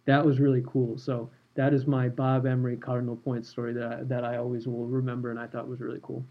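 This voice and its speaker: Husky-voiced male podcast host telling stories. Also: mid-range voice, level tone, fast talker, narrow, tinny audio. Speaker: podcast host and former sports reporter. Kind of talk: casual podcast storytelling.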